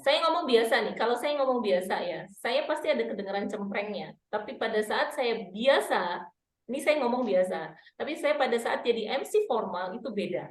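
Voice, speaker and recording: Woman coach teaching public speaking, bit high voice, roomy echoey sound. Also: lively intonation, normal speed. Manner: demonstrative, drills vowels aloud. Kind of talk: online workshop teaching.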